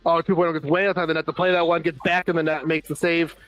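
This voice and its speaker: Quick-calling American man on play-by-play. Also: fairly high pitch, level tone, a bit bright, muffled recording, faint music behind. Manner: rapid running call of plays with dry asides. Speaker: play-by-play commentator. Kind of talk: amateur live sports commentary.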